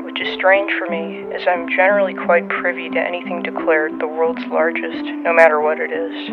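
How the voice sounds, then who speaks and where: An old-timey AM radio filter makes this woman's voice thin and phone-like. She narrates a scripted documentary in a flat, measured way. Music plays clearly underneath. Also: lowish voice. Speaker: podcast host. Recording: tinny old-radio band-limited sound.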